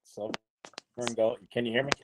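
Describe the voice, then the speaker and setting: A man's voice: medium pitch, flat delivery, a little fast, background noise. A man chatting casually over an internet call that breaks up and drops out, rambling and repeating words as he starts each thought. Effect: internet call breaking up and dropping out. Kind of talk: casual chat.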